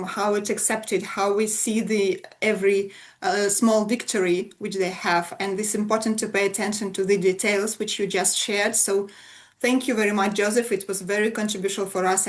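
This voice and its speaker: Woman, event host, middle pitch, halting with fillers, loose phrasing, video call. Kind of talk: hosting an online event.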